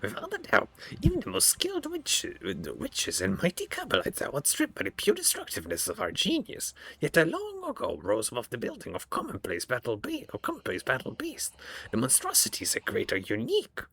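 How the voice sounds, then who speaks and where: A sadistic alien surgeon from a video game, boasts in a high, strained voice that swoops widely. He is grandiose and menacing, often slipping into breathiness. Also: wildly swooping pitch, a little fast, vocal fry, a bit bright, slightly rough, full character voice. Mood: boastful, grandiose. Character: arrogant, sadistic alien flesh-sculptor, proud of his genius. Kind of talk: video game dialogue read aloud in character.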